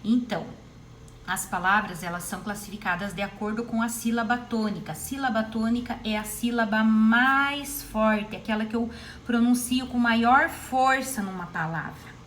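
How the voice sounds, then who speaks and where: A woman's voice: a little high, normal speed, fairly bright tone, a little hiss or hum, low-quality recording. A woman, teaching a recorded lesson to primary school pupils and repeating key terms patiently.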